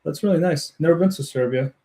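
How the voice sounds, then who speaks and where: A man's voice: on the high side, fast talker, warm tone. A man from Ukraine hosting a casual livestream, chatting with viewers and laughing often as he builds. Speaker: livestream host. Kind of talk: casual chat with live viewers.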